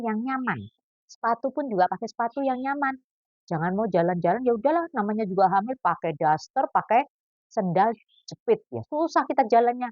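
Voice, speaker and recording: Speaking in a slightly high voice, a woman doctor in her fifties jokes and chats her way through tips on exercising during pregnancy, full of lively asides. There is no echo, though the recording is dull and lo-fi.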